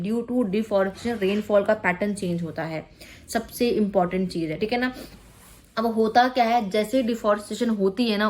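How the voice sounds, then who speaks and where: Woman coaching teacher, mid-pitched, chatty explainer who keeps checking students follow. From Jammu and Kashmir. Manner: conversational, repeats "ठीक है ना" to check understanding. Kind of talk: explaining exam questions in Hindi-English mix.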